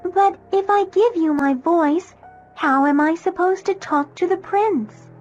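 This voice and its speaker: A timid young mermaid from a children's storybook, as a woman narrator puts her on, speaking in a very high, anxious voice. The recording is somewhat dull and muffled. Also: measured pace. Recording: dull lo-fi with soft music.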